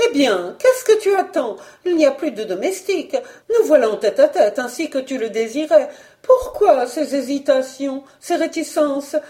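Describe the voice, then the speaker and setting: A woman reading a storybook voices a hysterical, demanding rich baroness in a raised, shrill tone. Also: animated, slow, a little mellow. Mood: agitated.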